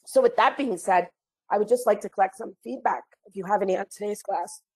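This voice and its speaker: A woman, a little hoarse from a recent cold, wraps up an online training session over a computer mic. She talks in a friendly, chatty way, slipping in small apologies. Her pitch sits in the ordinary middle range. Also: brisk, poor audio. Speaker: webinar trainer. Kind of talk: online training webinar wrap-up.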